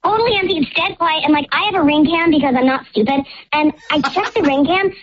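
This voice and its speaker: A woman's voice run through a voice changer that pushes it very high, heard over a dull, lo-fi call-in line. She tells her story in a chatty, rambling way, with "like" in almost every sentence. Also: quick pace, a bit bright, slight background noise. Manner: chatty, fills speech with "like". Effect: voice changer disguising her voice. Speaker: caller confessing a secret on a radio show. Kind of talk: telling a personal story.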